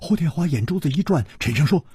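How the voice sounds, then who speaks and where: A man narrating a martial arts novel in a lively storytelling cadence. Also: fairly high pitch, quick pace, breathy edge, no echo, studio quality.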